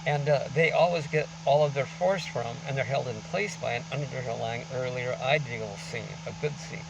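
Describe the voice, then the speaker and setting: Man, muffled by face mask, gravelly voice, rambling lecturing vlog, distant mic, heavy outdoor noise. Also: mid-range voice, normal speed. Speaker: vlogger. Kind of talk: rambling informal monologue to camera. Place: outdoors on a beach.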